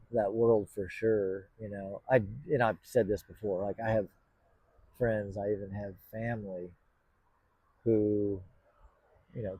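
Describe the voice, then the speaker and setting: A man's voice: on the low side, warm tone, slightly rough. A man hosting his own channel, talking casually to the camera in a rambling, hesitant way with many fillers and restarts. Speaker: podcast host. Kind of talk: casual vlog talk to camera.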